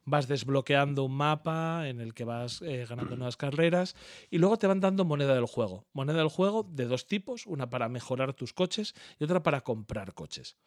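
A man in his thirties with a Spanish accent from Spain, chatting casually as a podcast co-host, telling animated stories and swearing freely. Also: mid-range voice, moderate pace, no room sound, clean studio sound. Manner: animated storyteller, swears freely, imitates others. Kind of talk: casual chat among friends.

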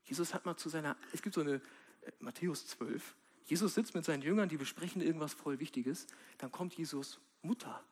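A man giving a sermon in a casual, direct way, with slang and slow, quiet stresses. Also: on the high side, husky. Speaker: preacher.

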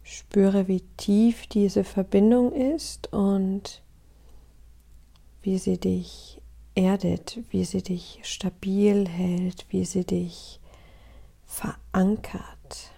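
A woman leading a guided meditation in a calm, soothing, breathy and husky voice, often close to a whisper, with deliberate pauses. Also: medium pitch.

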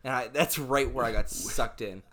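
A young man chatting on a casual podcast, joking and swearing, with laughs slipping in between his lines. His voice has a sharp, bright edge at a middle pitch. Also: normal speed. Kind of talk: casual chat.

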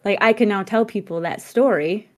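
A woman's voice: mid-range voice, moderate pace, a little mellow. A woman co-hosting a podcast, talking things through reflectively and laughing often. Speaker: podcast co-host. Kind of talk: casual conversation.

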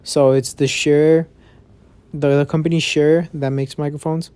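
A man's voice: on the high side, flat delivery, unhurried, a little mellow, smooth. A man hosting a podcast, recording on his phone under a blanket, talking in a rambling, frustrated way and swearing often. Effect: muffled, recorded under a blanket. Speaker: podcast host. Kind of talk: casual solo podcast chat.

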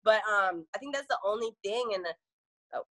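A woman's voice: medium pitch, over a noisy crowd. Chatty young woman, casual interview. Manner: chatty, fast, filler-heavy with frequent "like" and laughs. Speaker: event promoter, guest.

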